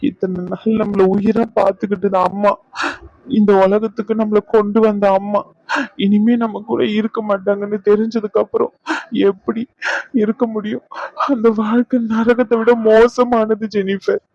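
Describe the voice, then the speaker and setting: A man's voice: very high-pitched, little pitch movement, normal speed, gravelly, no room sound, lo-fi sound, pitched above the performer's own voice. A man playing a pleading, grieving cartoon son. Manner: pleading, tearful.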